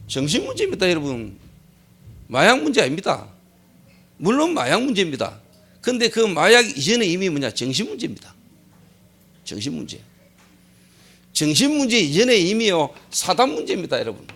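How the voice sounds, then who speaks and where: A man's voice: sits high, huge pitch swings, normal speed, long pauses, fairly bright tone, husky. A middle-aged male pastor preaching a sermon at a church service. He keeps posing rhetorical questions, answers them himself, and repeats key phrases for emphasis.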